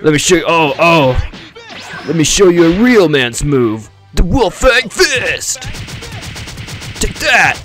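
A man acts out a cocky young cartoon fighter in an impression voice, pitched a bit high. He boasts casually and flusters easily, a goofy martial artist, with game music and blasts behind him. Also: sing-song, slow, long pauses, fairly bright tone, heavily acted. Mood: boastful.

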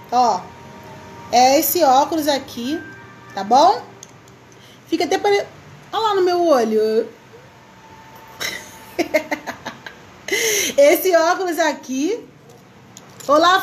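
A chatty woman hosting a crafts live stream, greeting viewers by name and laughing often. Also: high-pitched. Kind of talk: casual live chat.

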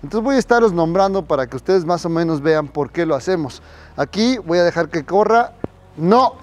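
A middle-aged man trains a dog on a residential street, speaking straight to viewers in an instructive outdoor tutorial while walking with a lapel mic. His voice is high, with a darkish tone.

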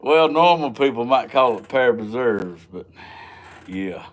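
A man with a Southern US accent and a slow, folksy drawl, chatting casually to viewers as he vlogs outdoors. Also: medium pitch, animated. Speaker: vlogger. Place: outdoors, rural yard and woods.

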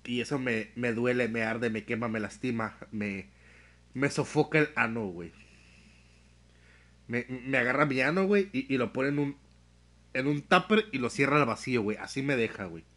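A young man with a Mexican accent, chatting casually on a live stream, full of slang and swearing, telling stories with animated energy. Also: medium pitch, moderate pace. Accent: Mexican Spanish.

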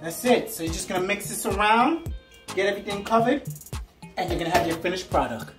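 A woman's voice: medium pitch, brisk, distant mic, music in the background. Playful woman host, roomy kitchen sound. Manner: chatty and playful, walks viewers through steps. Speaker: cooking channel host. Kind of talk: casual cooking demonstration.

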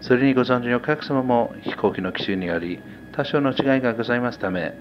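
A man working as a flight attendant, reading a formal announcement over an airliner's cabin loudspeaker, with small slips. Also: mid-range voice, very fast. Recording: muffled PA with faint cabin hum.

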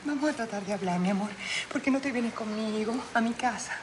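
A woman's voice: fairly high pitch, brisk, a loud crowd, natural voice. An actress playing a mother who tenderly pleads with her daughter to come home, in a telenovela. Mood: pleading. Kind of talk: telenovela acting.

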